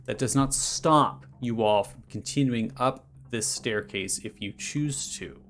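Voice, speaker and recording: A man's voice: medium pitch, a little slow, a bit bright. A man narrating a tabletop fantasy game as game master, with a dramatic, descriptive delivery.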